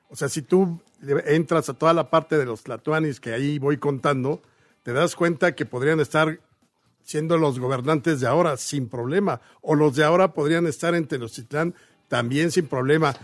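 A man with a Mexican Spanish accent, a guest historian telling history in a measured, explanatory way on a radio talk show. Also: fairly high pitch, dry recording.

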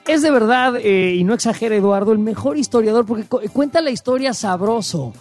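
A man's voice: high-pitched, lively intonation, brisk, a little mellow, soft background music. A man with a Mexican Spanish accent, co-hosting a radio talk show in a casual, joking way, full of slang. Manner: informal, joking, uses slang.

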